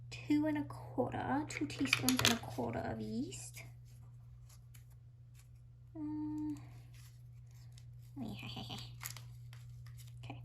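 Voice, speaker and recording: Slow-talking young woman in her kitchen. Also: a little high. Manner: chatty, narrates each step aloud. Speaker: cooking vlogger. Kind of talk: casual cooking tutorial. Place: home kitchen. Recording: noisy home recording.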